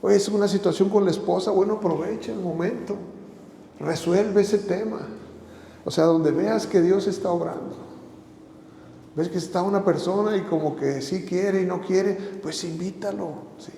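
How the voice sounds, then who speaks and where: A man's voice: sits high, normal speed, gravelly, dark tone, echoey room, long reverb tail, slight background noise. A man preaching a sermon as pastor, exhorting the listeners with repeated phrases and rhetorical questions.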